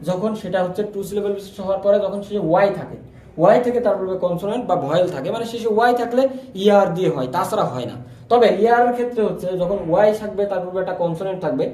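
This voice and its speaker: Man, grammar teacher, fast, high pitched, quizzes himself, echoey room. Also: mellow. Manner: questions and answers himself, repeats key words. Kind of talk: recorded classroom-style lesson.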